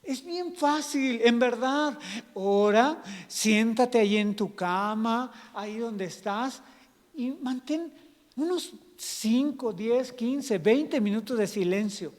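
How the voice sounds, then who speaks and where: A pastor, preaching conversationally and acting out scenes in a church hall. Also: male voice, very high voice, expressive, slow pace. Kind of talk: sermon.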